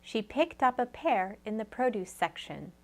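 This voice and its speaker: A woman reading short example sentences in an English pronunciation lesson, plain and clear. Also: on the high side, very animated, moderate pace.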